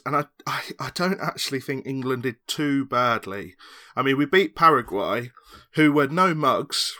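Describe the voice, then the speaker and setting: Panelist, man, bright-toned, rambling and enthusiastic. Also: mid-range voice. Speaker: podcast panelist. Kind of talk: casual chat.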